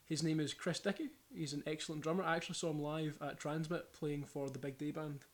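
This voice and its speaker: A man's voice: a little high, fairly even intonation, fairly quick. A man, a musician guest chatting informally and with some swearing on a podcast. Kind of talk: casual podcast chat.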